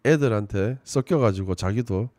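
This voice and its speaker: A man giving casual commentary on a TV show, swinging between loud emphasis and low muttering. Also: normal speed, no room sound, studio quality.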